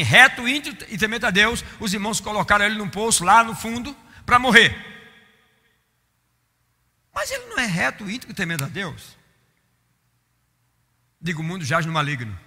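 Fiery preacher in a big echoing hall. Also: male voice, high voice, husky. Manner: impassioned, rising to shouts and dropping to mock-weary murmurs. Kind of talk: sermon. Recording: long hall reverb.

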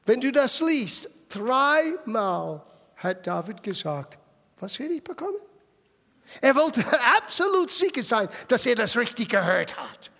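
Male preacher, high and bright, slow animated delivery with sudden loud exclamations, long hall reverb. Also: gravelly. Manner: lively storytelling, mixes English phrases into German. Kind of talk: sermon.

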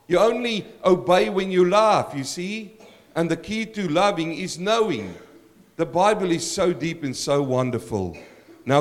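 A male pastor delivers a sermon in a somewhat high, croaky voice. He speaks straight to his congregation, posing rhetorical questions and pressing them with direct appeals.

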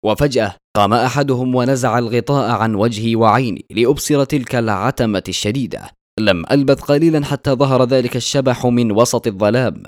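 Male narrator, grave and measured dramatic storytelling, dry close sound, mid-pitched voice. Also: dry recording.

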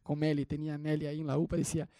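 High-voiced Rioplatense Spanish preacher, dark tone. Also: male voice, completely flat delivery, very fast, no echo, clean studio sound. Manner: conversational, asks the congregation questions. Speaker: pastor. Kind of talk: sermon.

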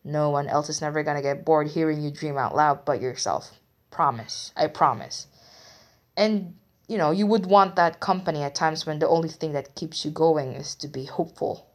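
A young woman talks alone into her podcast mic, low in pitch and candid. She rambles and teases herself as she goes. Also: moderate pace. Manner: candid, rambling and self-mocking. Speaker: podcast host. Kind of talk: solo podcast monologue.

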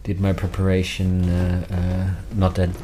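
A man's voice: low-pitched, completely flat delivery, a little slow, dark tone, slight background noise. A man hosting a casual podcast interview, rambling and self-deprecating as he sets things up. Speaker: podcast host.

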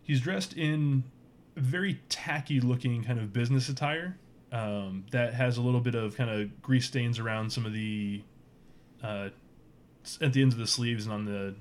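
A man narrating a tabletop role-playing game as game master, in a relaxed, loose way with many fillers. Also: medium pitch, a little hiss or hum.

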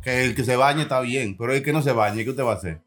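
A man's voice: medium pitch, quick pace, a crowd in the background. A man in a casual group conversation, telling stories and joking. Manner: storytelling, joking.

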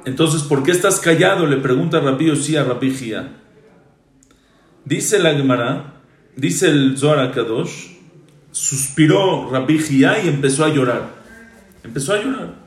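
A man's voice: on the high side, measured pace. A man, a rabbi, teaching a Torah class, quoting passages in Hebrew and Aramaic, then explaining and repeating phrases. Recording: roomy echo.

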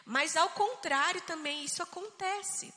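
A woman co-hosting a casual faith-based family talk, animated and acting out family members' voices. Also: extremely high pitch, measured pace, in a large hall. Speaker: co-host of a family talk show.

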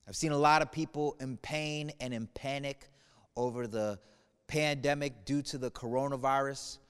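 An American man in his thirties, a church speaker, records an earnest video message for his congregation, shifting from playful humor to somber reflection. His mid-range voice is clear and resonant, with a steady tone at normal speed, in a reverberant room.

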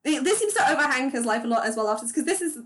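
A woman chats on a podcast in a slightly high voice. She rambles through her points, padding them with fillers and restarting her sentences as she goes. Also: expressive, rapid-fire, fairly bright tone. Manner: chatty, many fillers and restarts. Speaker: podcast co-host. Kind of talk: casual chat.

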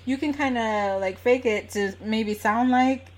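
A woman's voice: fairly high pitch, a little slow. Chatty American woman in casual conversation. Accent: standard American. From United States. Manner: informal, chatty, laughs easily while talking. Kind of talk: casual chat.

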